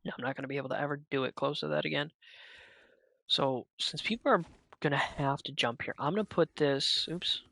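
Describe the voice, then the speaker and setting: A man's voice: on the high side, brisk, creaky, pushed and bright, no room sound. A man streaming a video game, chatting casually and rambling as he thinks aloud and interrupts himself.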